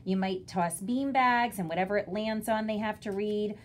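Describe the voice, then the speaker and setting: A woman's voice: medium pitch, steady tone, moderate pace, slight background noise. A woman kindergarten teacher giving parents an instructional walkthrough, explaining things simply, step by step.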